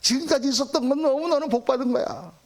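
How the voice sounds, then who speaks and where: A man voicing a tender, elderly father who gently pleads with his son during a sermon retelling. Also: very high voice, fast, voice pushed up.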